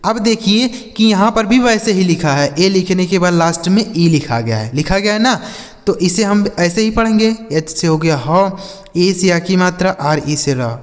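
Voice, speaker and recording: A man's voice: high voice, lively intonation, normal speed, long reverb tail. A man teaching English pronunciation in Hindi, patiently going step by step and asking himself questions that he then answers. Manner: repeats rhetorical questions and answers them himself; addresses viewers as friends, patient step-by-step explaining. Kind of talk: Hindi-language pronunciation lesson.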